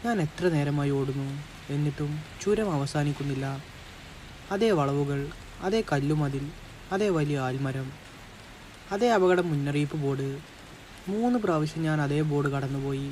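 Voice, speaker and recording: A man narrating a first-person horror story in a slow, suspenseful, dramatic manner. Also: fairly high pitch, a little mellow, slight background noise, low-quality recording.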